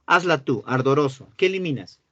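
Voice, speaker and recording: A man with a Peruvian Spanish accent teaching a classroom lesson. He repeats key words slowly and quizzes his students. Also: a little high, lively intonation, a bit bright, no echo. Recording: dull, dry sound.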